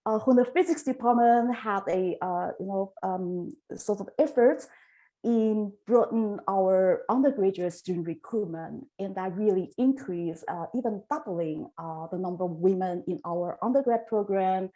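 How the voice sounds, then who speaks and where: A middle-aged woman, speaking on a panel about her career in a measured way with frequent pauses. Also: medium pitch, mellow, poor audio. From Taiwan. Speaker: associate dean and physicist.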